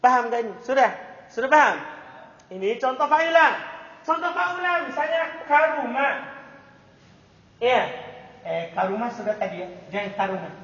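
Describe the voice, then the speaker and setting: A man's voice: very high voice, lively intonation, normal speed, long pauses, sharp tone. A man teaching Arabic grammar in a classroom, constantly quizzing his students with repeated questions. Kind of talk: classroom lesson. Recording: echoey hall, dull lo-fi sound.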